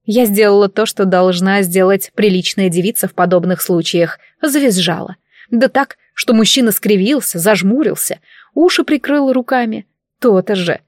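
A woman narrating a fantasy novel in first person, with an ironic, lively telling. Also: medium pitch, no room sound, studio quality. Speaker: audiobook reader. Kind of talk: scripted narration.

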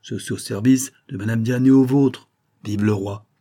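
A man's voice: mid-range voice, steady tone, moderate pace, mellow, natural voice. A man voicing a bold young boy in an audiobook, speaking eagerly and cheekily. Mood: defiant. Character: bold young boy, a royalist poacher's lad.

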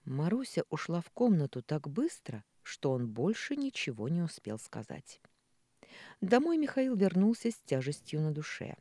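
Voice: mid-range voice, normal speed, no room sound. A reader narrating a story expressively, acting out the characters' lines. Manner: expressive, dramatic reading with character voices. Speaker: audiobook reader.

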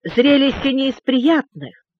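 A woman's voice: sits high, animated, unhurried, dry recording, voice pushed up. A woman voicing a teenage boy who taunts people with sarcastic politeness. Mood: mocking. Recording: dull, dry recording.

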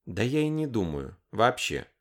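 A man voicing a weary, sharp-tongued young woman. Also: fairly low pitch, big pitch swings, moderate pace, pitched above the performer's own voice. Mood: weary, exasperated. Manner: tired and mocking.

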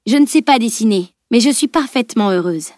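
A woman's voice: fairly high pitch, animated, a little fast, darkish tone, no room sound, studio quality, natural voice. A woman reading an audiobook, voicing a bold, blunt young female sword fighter who speaks frankly and with spirit.

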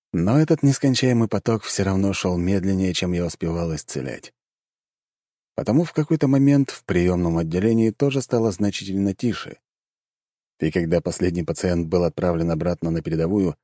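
A man reading an audiobook as narrator in an even, measured way. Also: low voice, no echo, clean studio sound. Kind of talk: scripted narration.

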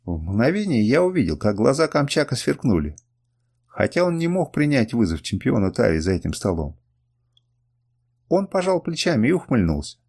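A man narrating a first-person adventure audiobook in an expressive reading. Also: medium pitch, normal speed. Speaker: audiobook reader.

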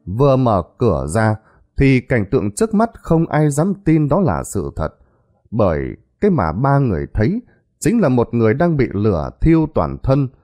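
A man's voice: mid-range voice, wildly swooping pitch, normal speed, dark tone. A man telling a horror story in a dramatic way that builds suspense.

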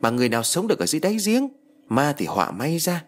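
A man voicing a middle-aged village wife who scolds her husband briskly in an audio story. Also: medium pitch, sing-song, breathy edge. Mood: scolding.

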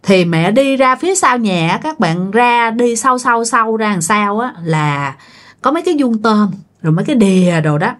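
A woman's voice: fairly high pitch, lively intonation, moderate pace. A woman telling a ghost story in a casual, chatty way, often speaking straight to her listeners. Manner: chatty, addresses listeners directly.

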